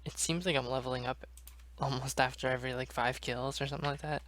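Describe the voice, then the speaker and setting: Talking fast in a steady, medium-pitched voice with a slightly bright tone, a gaming video creator narrates his gameplay in relaxed let's-play style, addressing his audience as "guys."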